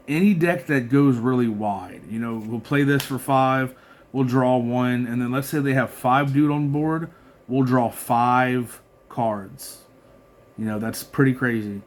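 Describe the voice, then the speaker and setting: A man casually walking through his card game deck, reading card effects aloud with lots of fillers and restarts. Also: mid-range voice. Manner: rambling, filler-heavy, reads card text aloud with frequent restarts. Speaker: card game content creator.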